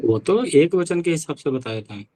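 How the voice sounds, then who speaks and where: A man's voice: fairly high pitch, expressive, moderate pace, mellow, poor audio. A man teaching an online class, questioning and correcting students with dry teasing. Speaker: Sanskrit teacher.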